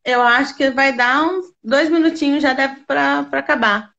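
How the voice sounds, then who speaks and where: A woman's voice: sits high, moderate pace, vocal fry, fairly bright tone. A woman hosting a live-streamed interview, cutting in with brief practical remarks. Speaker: host. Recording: muffled, distant lo-fi audio.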